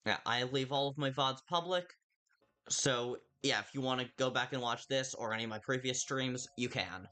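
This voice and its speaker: A young man playing a video game on a livestream chats casually with viewers, reading their messages aloud and responding with mock exasperation. His mid-range voice is bright and forceful at a normal speed, though he comes across a little tired and dry-mouthed.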